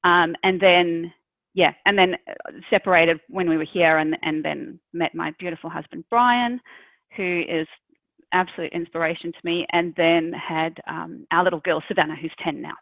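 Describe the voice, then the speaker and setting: A woman in her forties from South Africa, with a mixed South African, Australian and American accent, chatting as a podcast guest and filling pauses with "um". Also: fairly low pitch, fairly even intonation, no room sound. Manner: chatty, frequent "um" fillers. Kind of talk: casual interview chat. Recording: dry tinny phone-like line.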